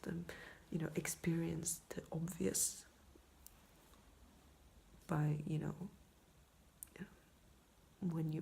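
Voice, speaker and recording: A tired woman talking quietly at night in a rambling casual vlog, mostly in a whisper, close to her phone. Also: deep voice, vocal fry, slight background noise. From Poland. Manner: quiet, hushed night-time talk, often whispering; rambling, self-deprecating. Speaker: vlogger. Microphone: iPhone, leaning in close.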